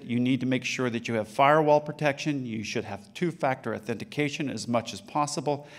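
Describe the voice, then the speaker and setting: A man in his sixties giving a conference talk on stage into a handheld mic, with a loose delivery full of fillers and restarts. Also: medium pitch. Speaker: conference speaker. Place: dark conference stage with a large room.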